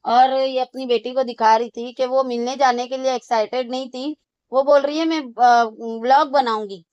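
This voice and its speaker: A woman with a smooth, fairly high voice, heaping sarcastic scorn on a vlogger in her reaction commentary. She talks with a scolding, insulting bite throughout. The sound is close and dry, with no room echo. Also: little pitch movement, moderate pace, a little mellow, dull audio. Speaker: reaction channel host. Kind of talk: angry commentary on a vlog.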